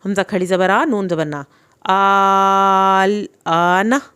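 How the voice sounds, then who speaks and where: A young woman teaching Quran reading, slowly sounding out each letter and vowel mark syllable by syllable and then explaining the rules. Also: fairly low pitch, animated, clear, resonant tone. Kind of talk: slow spelled-out recitation lesson.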